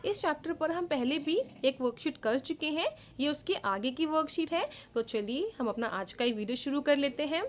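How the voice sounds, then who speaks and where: A woman teaching a worksheet lesson to young children, explaining in Hindi and reading English lines slowly. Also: high voice, a little hiss or hum.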